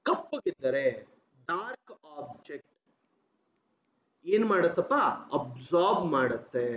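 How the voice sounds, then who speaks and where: A man teaches geography in a high, lively voice, throwing out questions and answering them himself. He mixes in English terms as he explains. The recording is dull and lo-fi, with a faint hum of room ambience behind him. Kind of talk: geography lecture for exam students.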